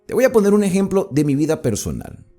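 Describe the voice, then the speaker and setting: This man from Venezuela, whose accent comes from near the Colombian border, teaches a Bible study conversationally, asking and answering his own questions and repeating points for emphasis. His voice is high and mellow, with wildly swooping pitch and a fast pace, over faint background music.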